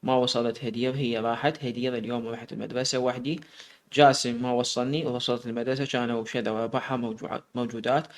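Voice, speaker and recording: Fast-talking storyteller man. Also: medium pitch, level tone. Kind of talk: first-person story narration.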